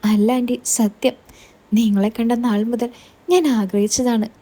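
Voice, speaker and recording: Eager young man, gently questioning and consoling, mellow and fairly high, voiced by a woman reader. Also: fairly even intonation, measured pace.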